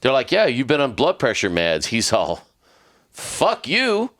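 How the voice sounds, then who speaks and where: A man's voice: mid-range voice, huge pitch swings, a little slow, fairly bright tone, dry recording, clean studio sound. A man in his fifties hosting a podcast, telling stories in heated, profane casual chat. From born in Greece to American parents. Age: 50s. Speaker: podcast host.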